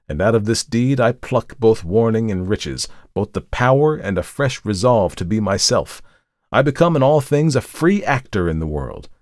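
A man's voice: lowish voice, dry recording, clean studio sound, natural voice. A man voicing a desperate male murderer who pleads his case in an impassioned, emphatic way, in a dramatic audiobook reading.

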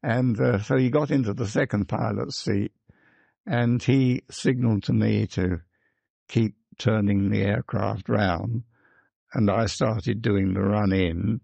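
A man's voice: fairly low pitch, steady tone, takes it slowly, gravelly, dark tone, no echo, highs cut off. An older man, a former flying boat pilot, telling a wartime story in a chatty, rambling way. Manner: chatty, rambling, fond of "you see" and "actually". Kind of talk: reminiscing interview.

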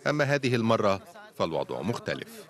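A man reporting in a formal, steady, scripted news narration. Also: lowish voice, fast.

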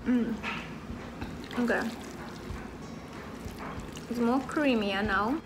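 A woman's voice: fairly high pitch, extremely slow, background noise. A young woman from Trinidad, a food vlogger, talking casually while chewing as she tastes food. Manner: relaxed, chatty, says "real good". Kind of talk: casual taste-test vlog. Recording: background music. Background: music.

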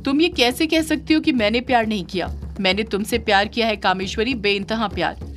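Male yaksha spirit, as a woman puts him on, jealous suitor, accusing, raised voice, audio story, soft background music. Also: on the high side, brisk, close to an everyday voice. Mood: pleading, accusing.

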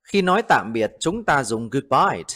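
A man with a Vietnamese accent teaching English phrases, repeating each one slowly and deliberately. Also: mid-range voice, very animated, fairly bright tone, no echo.

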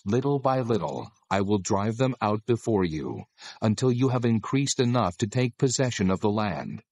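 An actor voicing God as a solemn, commanding lawgiver in a dramatized scripture reading, measured and authoritative. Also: male voice, lowish voice, animated, darkish tone. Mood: stern, promising. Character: God, commanding lawgiver speaking to his people.

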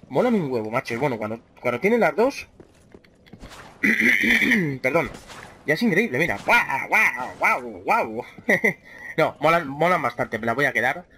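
A man's voice: a little high, sharp tone, slight background noise. A man with a Spain Spanish accent giving casual let's play commentary, chatting freely with his viewers and swearing often. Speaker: gaming channel host.

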